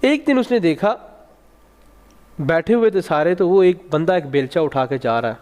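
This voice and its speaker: High-voiced man telling religious stories in a reverberant hall. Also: lively intonation, a little mellow. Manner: emphatic, rising for key points. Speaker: religious speaker on a Ramzan show. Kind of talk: religious storytelling. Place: TV studio set.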